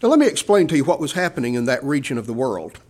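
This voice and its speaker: A man preaching a sermon, expressive, swinging from emphatic rising lines to quiet asides. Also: medium pitch, fast talker.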